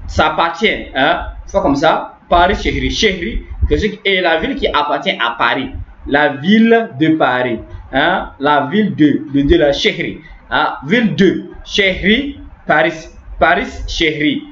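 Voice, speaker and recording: A man teaches a language lesson in a slightly high voice, walking through grammar rules and repeating each point several times. The recording is echoey and dull, like a lo-fi room capture. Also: expressive, measured pace, a bit bright. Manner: repetitive, explaining step by step with frequent "n'est-ce pas".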